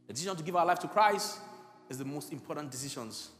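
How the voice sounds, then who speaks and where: A male pastor preaching in a high voice, moving from hushed, intimate moments to loud, pleading cries. His voice rings through a large, echoey church hall. Soft music plays underneath. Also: lively intonation, quick pace. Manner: emotional storytelling, swings from hushed to loud. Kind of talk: sermon.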